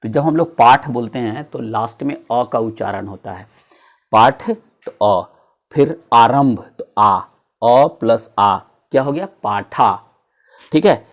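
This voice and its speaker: A man's voice: mid-range voice, lively intonation, measured pace. A male teacher, explaining a grammar lesson step by step and asking his students rhetorical questions.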